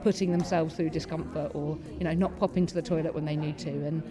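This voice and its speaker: Here the interviewed panellist and theatre-maker talks fast in a low voice with fairly even intonation. Involuntary tics can drop stray words into her conversation, all against the crowd chatter of a busy venue.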